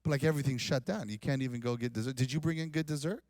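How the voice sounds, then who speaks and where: A man's voice: mid-range voice, racing, darkish tone, dry recording. A man in his forties, a pastor giving a casual, rambling, joking talk at a conference. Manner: rambling, self-deprecating, joking. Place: conference hall.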